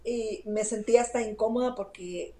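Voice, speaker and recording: Woman chatting away about her day, mellow warm tone, lots of fillers. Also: on the high side, normal speed, low-quality recording. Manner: chatty, many fillers and asides to the host. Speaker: interview guest. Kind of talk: casual storytelling.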